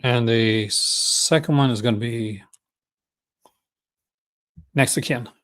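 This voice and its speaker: A man's voice: mid-range voice, takes it slowly, a bit bright. A man with a Newfoundland accent chatting casually and off the cuff as a vlog host, folksy and enthusiastic. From Newfoundland, Canada. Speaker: host of a movie-collecting vlog. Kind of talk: casual unscripted chat.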